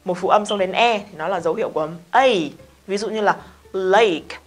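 Patient woman teaching pronunciation, with faint music. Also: medium pitch. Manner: explains patiently, repeats example words slowly, asks rhetorical questions. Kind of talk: casual video lesson.

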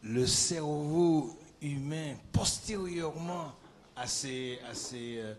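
Man, audience question, hesitant, searching for words, fairly high voice. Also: slow, a little hiss or hum. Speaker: audience member asking a question.

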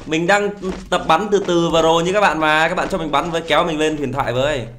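A man's voice: fairly high pitch, quick pace, a bit bright, a little hiss or hum. A young man hosting a gaming video, pleading and playfully self-pitying as he banters with teammates. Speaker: gaming channel host. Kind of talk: casual live commentary while playing.

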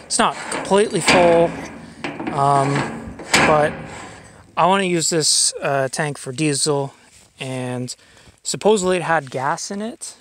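A man's voice: fairly high pitch, takes it slowly, long pauses, heavy background noise. A young man casually narrating an outdoor vlog on a handheld camera, rambling with many fillers as he thinks aloud. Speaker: vlogger showing a fuel tank. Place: outdoors in a grassy yard. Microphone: handheld camera mic.

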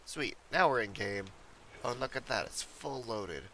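A man's voice: medium pitch, animated, a little slow, sharp tone, slight background noise. A young man recovering from a cold, rambling casually to his viewers while streaming a game from a desk mic. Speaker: livestreamer. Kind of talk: casual gameplay commentary.

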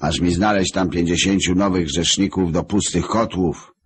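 A man voicing a tyrannical male lord of hell in an audiobook, with a husky voice and slow, commanding pronouncements. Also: deep voice, fairly even intonation, a little hiss or hum, pitched above the performer's own voice, lightly acted. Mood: stern.

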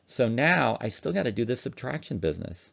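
A chemistry instructor, a man, talks casually and chattily through an online lecture while working problems on his calculator. His mid-range voice swings widely in pitch, moves fairly quickly, and has vocal fry with a fairly bright tone. The recording is dull and lo-fi.

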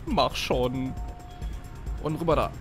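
A man commentating his own gameplay, yelping, swearing and shouting orders at the game character. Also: medium pitch, takes it slowly, faint music behind. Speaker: let's play host.

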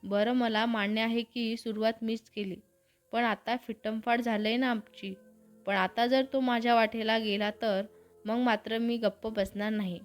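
A woman's voice: on the high side, flat delivery, unhurried, soft background music, natural voice. A woman voicing a proud, hot-tempered young woman in a storybook reading. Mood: angry. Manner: angry, indignant.

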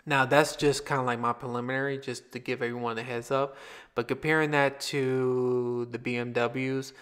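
A man's voice: medium pitch, little pitch movement, moderate pace, a bit bright, clean tone. A man talking casually through a speaker unboxing, rambling, repeating himself and restarting phrases. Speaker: tech reviewer.

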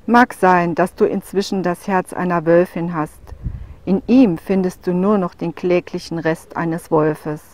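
A woman's voice: lowish voice, steady tone, measured pace, darkish tone, natural voice. A woman voicing a huge young male wolf in a storybook tale, blunt and scornful, talking with a growl.

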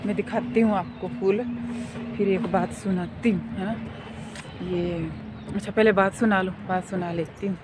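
A middle-aged woman chatting casually as she walks through a park and films a vlog on her phone. She tells stories in an animated way and keeps asking her listeners to agree. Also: medium pitch, moderate pace, heavy background noise. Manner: animated storyteller. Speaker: vlogger and mother. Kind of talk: casual walking vlog chat. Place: outdoor park on a foggy day.

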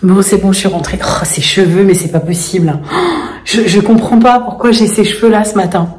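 A woman's voice: mid-range voice, fairly even intonation, fairly quick, darkish tone, husky. A woman vlogging to camera in a chatty, rambling way, often breaking into laughter. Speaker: family vlogger. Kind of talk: casual chat to camera.

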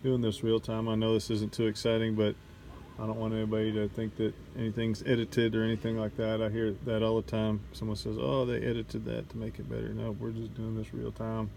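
A vlogger testing drone gear narrates off the cuff on a handheld cell phone, thinking aloud as he works outdoors at night in a neighborhood. His low, warm voice has vocal fry and a brisk, completely flat delivery. The poor audio picks up outdoor ambience and passing vehicles.

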